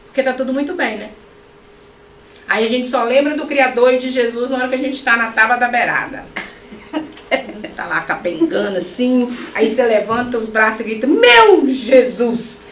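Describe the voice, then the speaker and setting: A middle-aged woman giving a spiritist lecture, animated, with joking asides to her audience. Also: on the high side, normal speed, a little hiss or hum. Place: lecture hall. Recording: echoey hall, mic at a distance.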